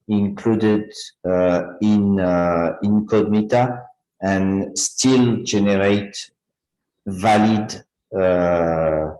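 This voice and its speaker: A man talks slowly and haltingly in a video meeting, stopping often to restart his sentences. His voice is somewhat low and strained, as he is losing it. The sound comes from an echoey room. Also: a little mellow. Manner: halting, many fillers and restarts. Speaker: meeting participant.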